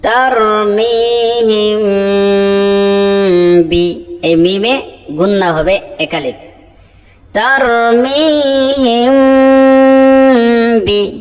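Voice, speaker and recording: A man teaching Quran recitation, chanting each phrase slowly and repeating it for learners. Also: high-pitched. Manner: drawn-out melodic chanting, repeating phrases for students. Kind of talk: tajweed lesson, chanting verses then explaining. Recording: long reverb with faint music.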